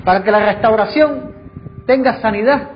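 This church sermon comes from a man whose voice sits high, moving at a moderate pace, and he fervently poses rhetorical question after question to the congregation. Faint music plays behind the dull lo-fi audio, which has a little hiss or hum.

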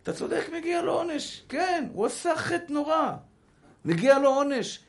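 A man's voice: very high voice, lively intonation, creaky. A man with an Israeli Hebrew accent, a rabbi giving a sermon, animatedly acting out quoted dialogue and calling his listeners brothers.

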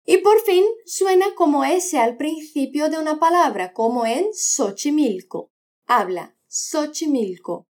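Lively high-voiced woman teaching Spanish. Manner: patient, slow model pronunciations for repeating. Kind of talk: podcast language lesson.

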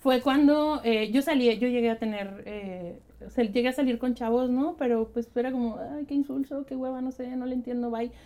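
A woman with a Mexican accent, a guest telling a personal story in animated, casual chat. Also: a little high, brisk. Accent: Mexican Spanish. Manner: animated storytelling, quotes herself and others.

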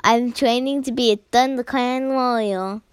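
A woman's voice: on the high side, steady tone, measured pace, smooth, dry recording, studio quality, natural voice. A woman voicing a cheerful, chatty young male cat apprentice in a storybook reading.

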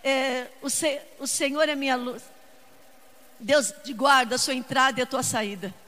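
A woman's voice: high-pitched, steady tone, moderate pace, long reverb tail. Fervent older woman preaching. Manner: fervent, shouting, breaks into speaking in tongues. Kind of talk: sermon.

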